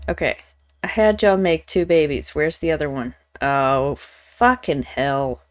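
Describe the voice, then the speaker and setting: A woman's voice: low voice, expressive, a little slow, dry recording, studio quality. A woman live streamer chatting casually while gaming, swearing freely and exasperated with the game.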